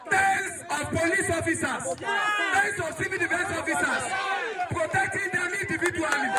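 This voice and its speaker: A man's voice: very high-pitched, very noisy. A Nigerian man giving a declamatory, emphatic protest speech outdoors to a crowd, repeating rallying phrases. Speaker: protest speaker. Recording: echoey crowd recording from far off.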